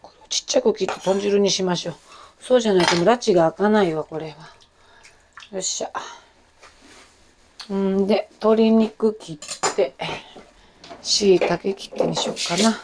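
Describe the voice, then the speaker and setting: A woman in her forties with a Kansai accent and a loud, rough-throated voice, chatting in a rambling, self-deprecating way while she cooks. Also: medium pitch, normal speed, pauses often, noisy background. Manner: chatty, self-deprecating, jumps between topics. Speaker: cooking vlogger. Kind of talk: casual chat while cooking.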